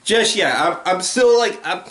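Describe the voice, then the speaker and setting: A man's voice: sits high, expressive, measured pace, fairly bright tone, reverberant. A young man giving a casual, rambling movie review at home, full of restarts and filler words. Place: home room with a TV.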